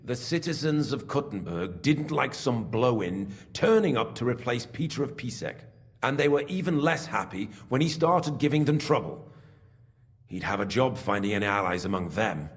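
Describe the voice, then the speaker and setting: A man's voice: moderate pace, close to an everyday voice. An actor playing a scheming middle-aged smelting works master in a video game, smug and evasive as he confesses his part in a silver racket. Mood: resentful. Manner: smug and evasive, lively pitch. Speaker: game character.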